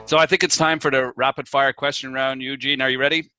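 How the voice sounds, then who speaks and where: A man's voice: medium pitch, flat delivery, fast, loud music behind the voice. A man co-hosting a casual podcast, talking in a rambling way and restarting his sentences. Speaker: podcast co-host.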